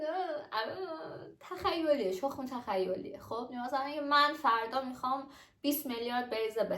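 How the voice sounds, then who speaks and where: A chatty young woman speaks straight to her viewers, explaining step by step with an easy, lively manner. Her voice sits at an ordinary middle pitch for a woman. The recording carries a noticeable echo from the room. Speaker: vlogger. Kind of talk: casual explainer vlog. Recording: echoey room.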